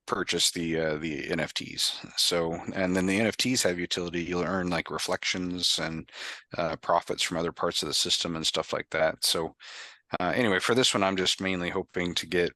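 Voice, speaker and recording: A man's voice: deep voice, sharp tone, dry recording. A man hosting a casual group video call, talking in a rambling way with many fillers and restarts. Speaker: host.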